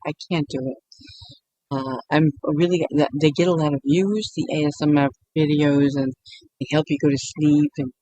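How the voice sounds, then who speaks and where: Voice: mid-range voice, a little mellow, no echo, rough recording. A YouTuber giving a casual late-night monologue meant to help people sleep, rambling with frequent restarts and often breaking into giggles.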